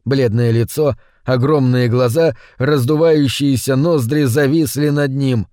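A man's voice: mid-range voice, unhurried, mellow, no room sound, studio quality. Man reading a suspenseful horror story. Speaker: narrator. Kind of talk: scripted horror story narration.

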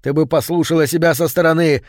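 A man's voice: on the high side, lively intonation, normal speed, dry recording, studio quality, close to an everyday voice. A man playing a jealous, furious Martian husband. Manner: loud, stern, raising his voice.

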